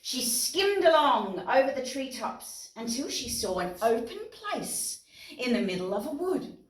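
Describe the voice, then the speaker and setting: Unhurried and high-pitched, this Australian presenter reads to young children expressively, asking them questions and simply explaining what words mean. Guitar music plays under a roomy, echoing sound captured from afar.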